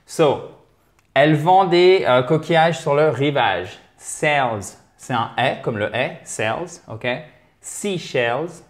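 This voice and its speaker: Male language teacher, energetic, chatty, encouraging, slightly high voice. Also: slow. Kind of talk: lively video lesson.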